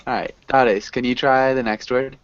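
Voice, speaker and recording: A man's voice: medium pitch, steady tone, normal speed, no room sound. A man teaching an online English class, patient and encouraging. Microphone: video call. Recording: dull video call audio.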